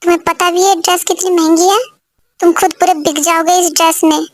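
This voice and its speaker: Someone doing a haughty spoiled rich girl, very high voice. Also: level tone, a little fast. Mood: scornful. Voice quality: haughty, scornful. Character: rude spoiled rich young woman. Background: background music.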